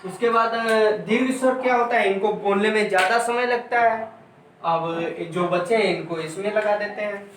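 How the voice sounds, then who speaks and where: A man's voice: sits high, normal speed, fairly bright tone, distant mic. A male teacher giving an exam-prep lecture, repeating points and drilling sounds aloud for his students. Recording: echoey room, voice from afar, faint noise.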